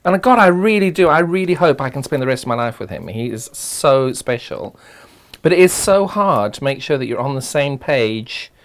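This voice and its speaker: A middle-aged woman with a very deep voice and a thick South African accent. Her pitch moves around a lot as she chats and demonstrates a craft, teasing drily along the way. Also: animated, moderate pace. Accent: broad South African. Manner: dry, teasing humour. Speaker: craft presenter and teacher. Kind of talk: casual live craft demonstration chat.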